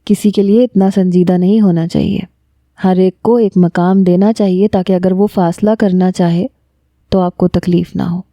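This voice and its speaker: A woman reading the lines of a calm, level-headed young woman who speaks with composure. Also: fairly low pitch, no echo, studio quality, close to an everyday voice. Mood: composed.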